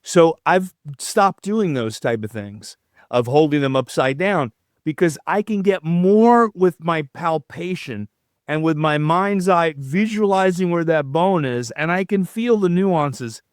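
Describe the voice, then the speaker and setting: Middle-aged male guest, lively explainer, clear smooth voice, fairly high for a man, dry close sound. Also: unhurried, no echo. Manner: animated, explanatory, demonstrative. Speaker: chiropractor guest. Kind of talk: podcast interview answers.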